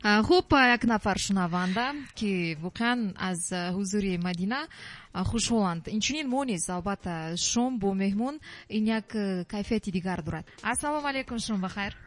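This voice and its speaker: A woman hosting an evening radio call-in show, reading out listener questions in a lively way. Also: medium pitch, normal speed. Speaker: radio host.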